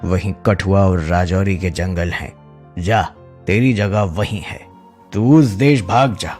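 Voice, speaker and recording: Man voicing a divine sky voice, cartoon, solemn, slow, commanding, music beneath. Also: deep voice, darkish tone, voice pushed down. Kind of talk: cartoon voice acting.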